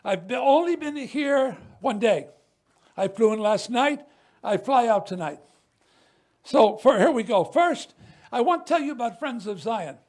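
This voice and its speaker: A man with a high-pitched voice gives impassioned testimony at a news conference. He is emphatic, sinks to a near-hush on painful memories and surges on defiant points, with the odd stumble and restart. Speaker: ministry leader speaking at a news conference.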